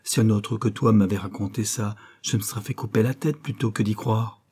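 A man's voice: on the low side, steady tone, a little fast, darkish tone, breathy edge. A man reading an audiobook and voicing a blunt, indignant old friend who scolds hotly. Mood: worried. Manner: scolding, heated and accusing.

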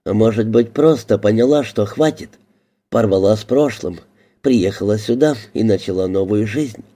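A man's voice: on the low side, normal speed, lightly acted. A man voicing a defiant woman snapping back. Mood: defensive. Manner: sharp, defensive retorts. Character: defiant adult woman with a hidden past.

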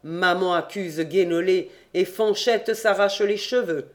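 A man reading an adventure novel aloud in first person, calm and measured. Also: high voice. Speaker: audiobook reader. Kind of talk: scripted narration of an adventure novel.

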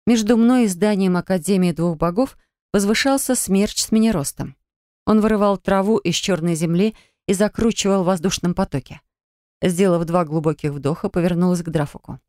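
A woman narrating a first-person story with an expressive, emotive reading. Her voice is warm and mellow, recorded close and dry with no room sound. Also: lowish voice, moderate pace, no echo. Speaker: audiobook narrator.

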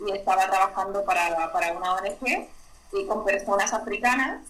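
Woman, bright and steady, talking in an echoey room; reflective, explaining. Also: medium pitch, brisk, slight background noise. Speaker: social integrator, co-founder. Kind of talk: explaining in a radio conversation.

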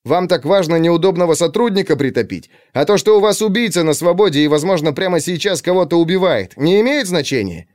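A man's voice: on the high side, expressive, a little fast, hardly any pauses, darkish tone, voice pushed up, lightly acted. A man voicing a heated, defiant police captain in an audiobook reading. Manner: hot-tempered, defiant.

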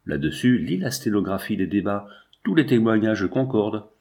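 A man's voice: lowish voice, animated, normal speed, darkish tone. A man reading the lines of an earnest fifteen-year-old girl who pleads and argues in grief, in a storybook reading. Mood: insistent.

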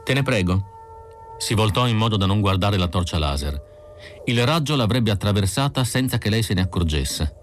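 A man narrating an audiobook in a measured, steady reading. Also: on the low side, faint music behind. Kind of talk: scripted narration.

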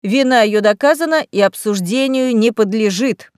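A woman doing a shrill spiteful mother. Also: normal speed, smooth, dry recording, clean studio sound, lightly acted. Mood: pompous reading. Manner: sharp, shrieking, venomous. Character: spiteful shrill middle-aged mother, town official's wife.

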